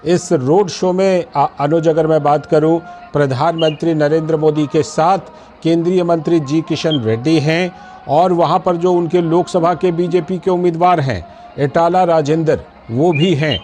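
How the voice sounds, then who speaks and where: A man's voice: on the high side, fairly even intonation, moderate pace, a little mellow, soft background music. Male TV anchor, live coverage, prompting questions. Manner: prompting questions, brief affirmations. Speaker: news anchor.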